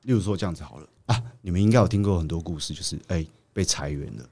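A man's voice: low-pitched, rapid-fire. A man, a podcast guest telling a story in casual chat and acting out the quotes. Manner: animated storyteller, acts out quotes.

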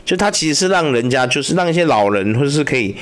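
A man's voice: a little high, fast. A man, hosting a podcast and telling ghost stories in casual, profane chat, often asking whether the listener follows. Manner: animated and profane, keeps asking "you know?". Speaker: podcast host.

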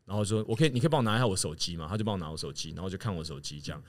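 A man telling a story in casual chat, animated and laughing as he acts out what others said. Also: sits low, very fast, slight background noise. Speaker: podcast guest telling a story.

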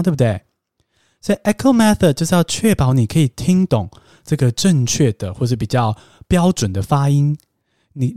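A man hosts a podcast lesson on English pronunciation, explaining patiently and slowing down for emphatic asides. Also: a little high, a little mellow, dry recording, studio quality. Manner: patient and coaxing, drops to slow emphatic asides.

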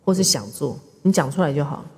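A woman with a slightly low voice chats as a podcast co-host. She tells childhood stories in a lively way, laughing often and acting out the people in them. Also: brisk, big-room sound. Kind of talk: casual chat.

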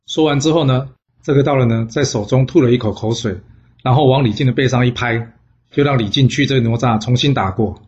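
A man telling a classic legend in a folksy way, often pausing on fillers. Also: mid-range voice, darkish tone. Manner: folksy, with frequent filler pauses. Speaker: storyteller. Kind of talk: storytelling narration. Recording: slightly dull lo-fi recording.

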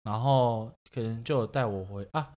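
A man's voice: medium pitch, moderate pace, a little mellow. A man with a Taiwanese Mandarin accent hosting a casual podcast chat, chatty and teasing with blunt swearing. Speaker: podcast host. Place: studio room with echo.

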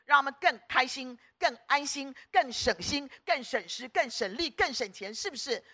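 A woman's voice: sits high, lively intonation, moderate pace, pushed and bright. A middle-aged woman preacher delivering an emphatic sermon, repeating phrases in rhythmic lists.

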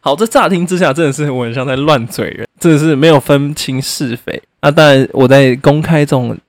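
A young man, hosting a podcast and telling a story in a blunt, animated way, swearing and laughing often. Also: on the high side, a little fast, no room sound. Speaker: podcast host. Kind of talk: casual storytelling monologue.

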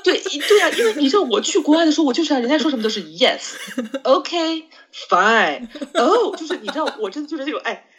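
A woman's voice: high voice, expressive, rapid-fire, hardly any pauses. A woman co-hosting a podcast, chatting casually with a friend, rambling with many fillers and restarts. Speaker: podcast co-host. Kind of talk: casual chat between friends.

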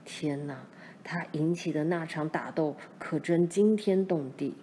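A woman doing a low, steady pioneer father. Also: a little slow, slight background noise. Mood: calm. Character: steady pioneer father, middle-aged man.

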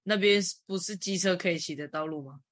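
A woman, co-hosting a podcast and telling stories in a lively, animated way. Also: brisk, dry recording, studio quality. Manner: animated storytelling, jumps in pitch when retelling panic. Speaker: podcast co-host. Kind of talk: casual chat.

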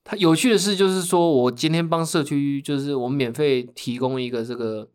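A man with a Taiwanese accent and a somewhat high-pitched voice. He talks like a podcast co-host swapping stories with a friend, casual and animated in his telling. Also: brisk, smooth. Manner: chuckles while telling stories.

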